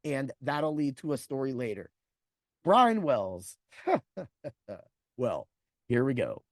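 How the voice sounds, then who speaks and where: Lively, profane man telling a story. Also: medium pitch, slow pace, dry recording, clean studio sound. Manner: profane, animated, acts out the people in his story. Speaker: podcast host. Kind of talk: storytelling monologue.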